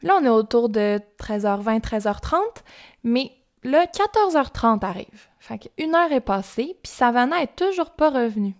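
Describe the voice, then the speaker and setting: A woman's voice: fairly high pitch, sing-song, unhurried. A young woman with a Québécois accent casually telling a true-crime story on a podcast, chatty and informal with asides. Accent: Québécois French.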